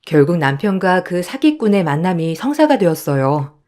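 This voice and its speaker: A woman narrating a first-person story in a steady, indignant storytelling manner. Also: lowish voice, moderate pace.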